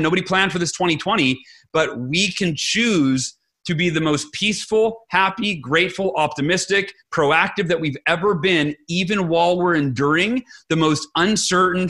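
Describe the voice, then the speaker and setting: A man's voice: sits high, sharp tone. A middle-aged man, an interview guest, telling a personal story with enthusiasm and often quoting what others said. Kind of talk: animated storytelling in conversation.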